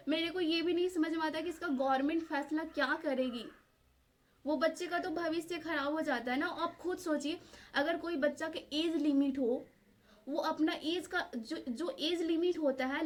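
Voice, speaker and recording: A woman vlogger from Jharkhand, India, speaks straight to the camera in a high, light voice. She talks earnestly and pleads, pausing often on fillers as she goes. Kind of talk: casual direct-to-camera vlog.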